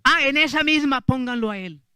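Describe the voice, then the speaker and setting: Un hombre que hace de un rey antiguo y poderoso, que habla con tono de mando. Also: male voice, very high voice, animated, a little slow, bright, forceful tone, clean tone, dry recording, clean studio sound, exaggerated voice. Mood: commanding. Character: powerful ancient king, grand then furious.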